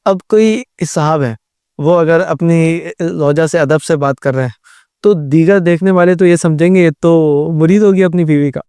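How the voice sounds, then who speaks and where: A man's voice: on the high side, warm tone, clear, resonant tone, no room sound, studio quality. A man hosting an interview, asking questions respectfully with frequent affirmations and light humor. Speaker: host.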